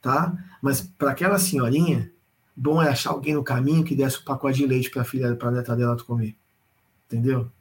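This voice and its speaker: Man telling his own story: animated, repetitive, casual. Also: mid-range voice, normal speed, rough recording. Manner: animated, repetitive, addresses listeners directly. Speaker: storyteller sharing a personal spiritual experience. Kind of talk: casual spoken testimony.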